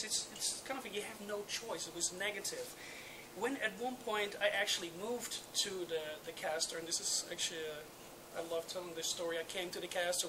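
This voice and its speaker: Dutch-accented panelist, mid-pitched, halting with many fillers; captured at a noisy public event. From Netherlands. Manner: relaxed, hesitant, many ums and uhs. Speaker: urban demographer on a panel. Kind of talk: panel talk to an audience.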